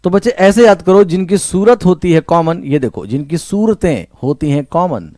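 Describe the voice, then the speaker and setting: A man's voice: high-pitched, animated, normal speed, warm tone, no echo, studio quality. A man with an Indian English accent teaching vocabulary, repeating each word and quizzing the listener, mixing Hindi with English phrases. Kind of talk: online vocabulary lesson.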